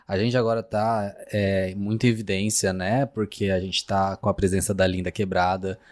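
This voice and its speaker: Low-voiced Brazilian man hosting a podcast. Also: normal speed. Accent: Brazilian Portuguese. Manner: relaxed and talkative, with filler words. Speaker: podcast host. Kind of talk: casual podcast chat.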